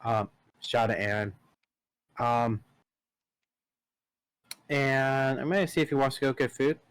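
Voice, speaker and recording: A man's voice: mid-range voice, a little slow, clean tone. A man hosting a podcast, animatedly telling a story in casual talk, acting out both sides of conversations and swearing casually. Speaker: podcast host.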